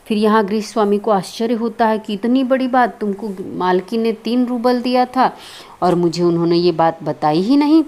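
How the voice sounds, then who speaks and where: A woman's voice: mid-range voice, moderate pace, darkish tone. Woman teacher explaining a lesson. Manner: explains word meanings step by step.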